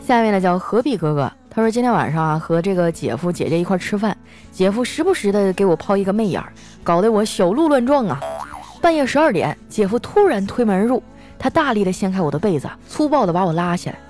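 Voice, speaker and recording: A woman's voice: medium pitch, animated, quick pace, darkish tone, faint music behind. A woman from northeast China hosting an audio show, reading listener jokes aloud in a chatty way and often laughing along. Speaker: podcast host.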